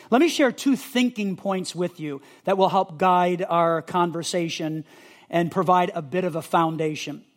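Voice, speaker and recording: A male pastor teaching a sermon, earnest and emphatic, repeating key words for listeners to underline in their notes. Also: sits high.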